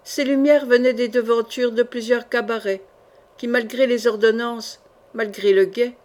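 A woman narrating an adventure novel in a measured, expressive reading. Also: a little high. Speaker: audiobook narrator. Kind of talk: scripted literary narration.

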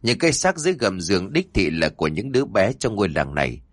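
A wise, severe exorcist master from a spoken ghost story, as a male narrator puts him on. He lectures in a low, steady voice that rises and falls with conviction, and he scolds firmly. The recording is dry and close. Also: quick pace, no echo. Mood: stern.

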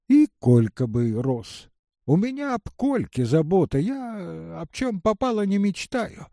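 A man's voice: sits high, warm tone, no echo, clean studio sound, exaggerated voice. A man reading an audiobook, voicing a touchy, dreamy old village woman who speaks earnestly. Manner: earnest, plaintive, musing.

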